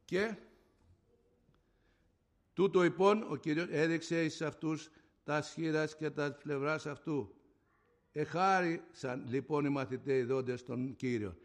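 A middle-aged man preaching a sermon and giving a personal testimony, swinging between loud outbursts and hushed low passages. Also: steady tone, long pauses.

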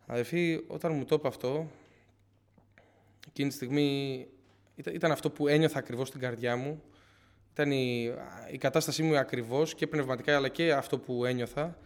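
A man's voice: medium pitch, fairly even intonation. Young man, earnest church testimony, personal faith story, repeats himself, frequent restarts. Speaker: church member giving testimony.

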